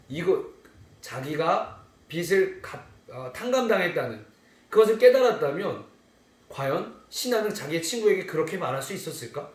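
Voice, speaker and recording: A man preaching a children's sermon in an animated storytelling way, speaking to the children as friends. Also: high voice. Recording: echoey room.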